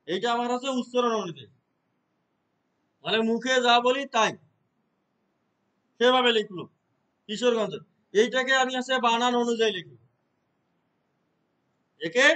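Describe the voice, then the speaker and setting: This man teaches a computer class in a very high voice. He walks through each step slowly and keeps stopping to check that the class is following along. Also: fairly bright tone, poor audio. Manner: explains step by step, checks understanding with repeated questions. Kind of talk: classroom lesson.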